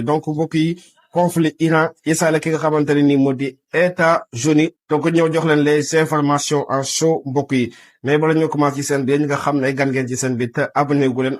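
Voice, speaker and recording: A Senegalese man presents breaking news in a fairly high voice with a dry, close sound. He keeps turning to his listeners and leans on repeated stock phrases as he reports. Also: dry recording. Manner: repetitive, addresses listeners often.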